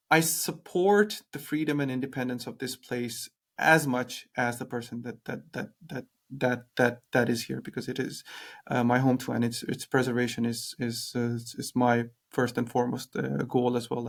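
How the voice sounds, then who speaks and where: Young male podcast host, middling pitch, hesitant casual delivery. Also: fairly even intonation, normal speed, creaky. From Pakistan. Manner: hesitant, leans on "like" fillers.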